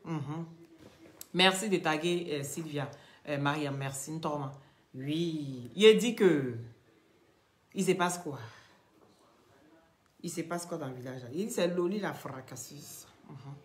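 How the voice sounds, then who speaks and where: Low-voiced woman, gossip live-streamer, keeps repeating herself, echoey room. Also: takes it slowly, pauses often. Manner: animated, calls out viewers, repeats phrases. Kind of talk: Facebook live gossip commentary.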